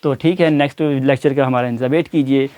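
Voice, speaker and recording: A man teaching English pronunciation in a spoken lecture, repeating each word several times, spelling words letter by letter and pausing on drawn-out fillers. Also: medium pitch, fairly even intonation, warm tone, no echo.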